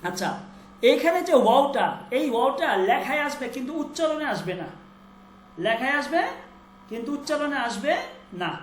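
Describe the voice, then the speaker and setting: Lady teacher, kinda high voice, repeats each word slow, echoey room w faint hum. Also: expressive. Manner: drills words by repeating them slowly, quizzes students. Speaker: Persian language teacher. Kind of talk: online class lesson.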